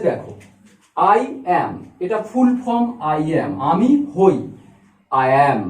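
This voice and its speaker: Lively high-voiced man teaching grammar. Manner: explains step by step, repeats words slowly. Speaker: English teacher. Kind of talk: grammar lesson. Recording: echoey room, voice from a distance.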